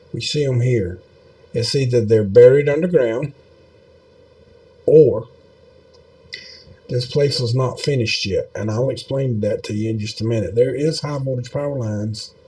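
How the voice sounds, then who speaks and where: A man's voice: medium pitch, warm tone. A man giving casual, rambling video commentary in a folksy, meandering way, with many fillers. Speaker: video host.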